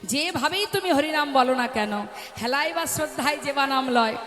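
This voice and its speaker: A woman with a high voice preaches a devotional sermon, half chanting her lines and asking the crowd questions. The sound rings with a long echo through a large hall. Soft music plays behind her. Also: normal speed. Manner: sing-song preaching, asks the audience questions, calls out "hari bol". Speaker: kirtan preacher. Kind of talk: devotional sermon to a live gathering.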